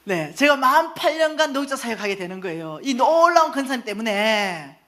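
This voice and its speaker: A woman gives an animated storytelling lecture at church. Her voice sits fairly high and leaps around with wide, lively swings, and she acts out the people in her stories. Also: brisk.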